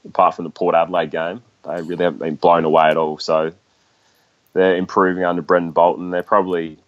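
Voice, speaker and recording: A man's voice: sits low, little pitch movement, a little fast, no echo. An Australian man talking casually as a guest in a sports discussion, on slightly dull, lo-fi audio.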